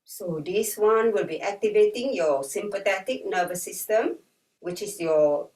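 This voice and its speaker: A woman guiding an online breathwork and yoga class in an unhurried, gently instructive way. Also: medium pitch. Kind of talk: guided online class instruction, with chanted mantras. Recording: roomy echo, distant from the mic.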